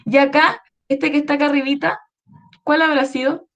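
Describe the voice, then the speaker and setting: A woman's voice: high-pitched, little pitch movement, moderate pace, fairly bright tone. A woman with a Chilean accent, a history teacher explaining a lesson to schoolchildren in an online class, often checking they follow. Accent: Chilean Spanish. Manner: patient, explaining with many checks like "¿ya?".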